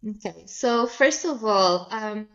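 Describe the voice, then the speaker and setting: A woman's voice: mid-range voice, fairly bright tone. Woman from Mozambique, dull lo-fi sound. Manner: earnest, halting with restarts. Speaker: agency CEO, guest. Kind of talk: conversational interview.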